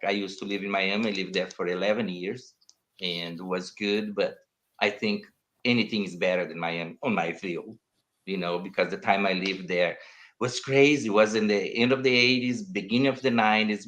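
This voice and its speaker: An older Brazilian man with a Brazilian Portuguese accent chats casually as an interview guest, rambling, restarting sentences and using non-native phrasing. His voice is lowish with a fairly bright tone, and there's slight background noise.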